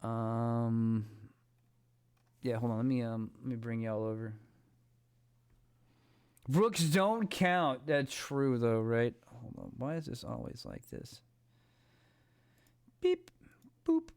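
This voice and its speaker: A man streaming a strategy game, chatting casually with a rambling, excitable, profane manner. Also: mid-range voice, takes it slowly, gravelly, pauses often, clear, resonant tone. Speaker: gaming streamer. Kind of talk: casual gameplay commentary.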